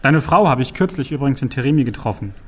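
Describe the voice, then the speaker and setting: A jovial, vain middle-aged male envoy chats in a teasing, worldly manner, as a man reading an audiobook plays him. His voice is mid-pitched and lively. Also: quick pace, breathy edge. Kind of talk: audiobook character voice.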